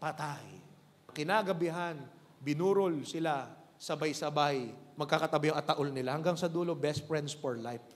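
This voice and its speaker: A man from the Philippines preaching a sermon in an animated, playful storytelling way. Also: a little high, moderate pace, a little hiss or hum. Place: cinema hall. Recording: echoey hall.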